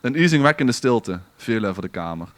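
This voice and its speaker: A man with a Limburgish Dutch accent performs a dramatic story from a script as a podcast storyteller, theatrical and literary in style. His mid-range voice is sing-song, brisk and fairly bright, with slight background noise.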